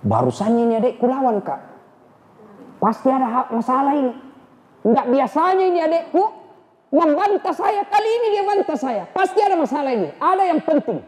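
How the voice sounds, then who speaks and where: A man voicing a hot-tempered male warrior who shouts indignantly. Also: high-pitched, huge pitch swings, racing, hardly any pauses, voice pushed up. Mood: bewildered. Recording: long hall reverb.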